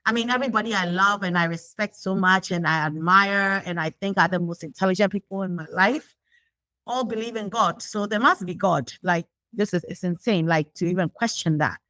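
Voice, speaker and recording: A woman speaks in a reflective, conversational way. She often pauses on fillers and restarts her sentences. Her voice sits at a middling pitch and is recorded very dry, with no room sound. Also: sharp tone, dry recording, poor audio. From Ghana. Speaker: guest. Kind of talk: conversational interview.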